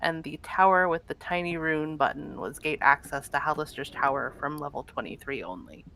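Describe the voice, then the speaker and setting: A woman's voice: sits low, normal speed, pushed and bright, a little hiss or hum, poor audio. A woman playing a tabletop role-playing game, chatting casually as a player.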